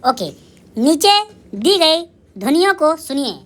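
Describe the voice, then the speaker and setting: A high-pitched primary school teacher leads a lively recorded lesson for young children, asking questions and answering them herself, slowly sounding out syllables, and calling out cheerful praise.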